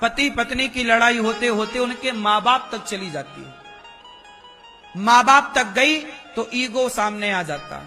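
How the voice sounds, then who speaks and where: Slow, high-voiced male preacher. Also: sharp tone, faint music behind. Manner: slow, questioning the audience, acts out quoted speech.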